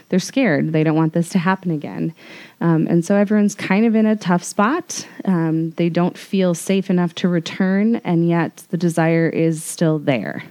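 A woman's voice: on the low side, darkish tone. A woman co-hosting a podcast, telling a news segment conversationally in a composed, explanatory way. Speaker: podcast co-host.

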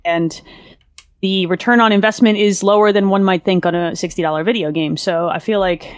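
A woman co-hosting a casual podcast chat, upbeat and quick to agree as she thinks aloud. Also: mid-range voice, fairly even intonation, smooth, no room sound. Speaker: podcast co-host.

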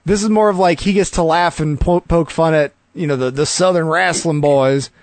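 A man's voice: a little high, moderate pace, a little mellow, no echo. A man co-hosting a podcast, recapping a wrestling show in a chatty way with easy laughter and many fillers. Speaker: podcast co-host.

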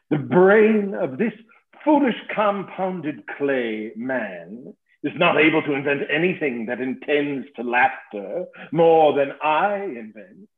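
A man playing a boastful, witty old knight, mocking and savoring his insults in a theatrical play reading. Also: on the high side. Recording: tinny phone-like sound in an echoey room.

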